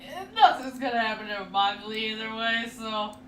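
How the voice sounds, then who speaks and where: A woman's voice: on the high side, fairly quick, pushed and bright, slight background noise. A woman chatting casually as a companion on a live stream, in brief interjections.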